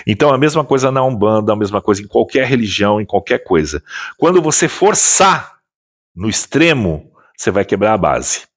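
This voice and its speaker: A man's voice: on the low side, very animated, moderate pace. A man with a Brazilian Portuguese accent, speaking as a spiritual teacher in casual commentary, asking pointed questions with frequent restarts. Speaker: spiritual teacher and channel host.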